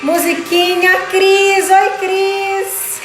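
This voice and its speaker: A Brazilian woman with a Brazilian Portuguese accent hosts a casual live stream from her home craft studio, greeting viewers by name as she chats. Her voice is very high, flat, and very slow, heard in a roomy studio with background music.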